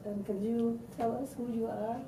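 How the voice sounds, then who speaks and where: A woman with a Vietnamese accent asks her questions politely and a bit hesitantly, pausing on fillers. Her voice is very dark and mellow, heard from some distance in an echoey room with a low rumble underneath. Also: flat delivery. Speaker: journalist and interviewer. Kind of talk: interview hosting, Vietnamese intro then English questions.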